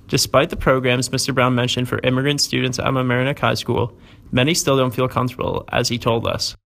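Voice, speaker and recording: A man's voice: medium pitch, steady tone, a little fast, gravelly, fairly bright tone. A teenage boy narrating a report as a student reporter, in an earnest read-aloud delivery. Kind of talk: scripted narration.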